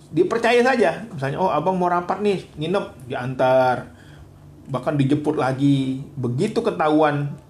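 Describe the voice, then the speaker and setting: With a little hiss or hum in the background, a man with a voice on the high side co-hosts a live marriage-problems Q&A as a psychologist. He is earnest and animated, playing out what wives and husbands say.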